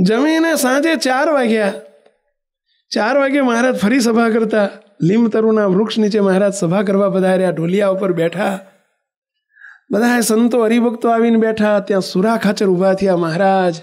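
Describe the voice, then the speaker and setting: High-voiced preacher telling a story. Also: male voice, moderate pace. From western India. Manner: animated storyteller who acts out dialogue and chants verses. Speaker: religious preacher. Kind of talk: devotional storytelling sermon.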